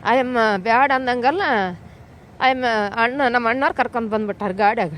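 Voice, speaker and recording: A woman's voice: on the high side, fairly even intonation, fairly quick, a little hiss or hum. Grieving village mother. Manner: rambling, dialect-heavy telling. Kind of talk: emotional interview testimony.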